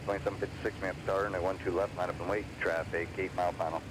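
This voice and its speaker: A man's voice: low-pitched, flat delivery, racing. A man working as an air traffic tower controller, giving terse, clipped instructions over a crackly aviation radio. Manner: terse, procedural phraseology. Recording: crackly radio, loud aircraft noise.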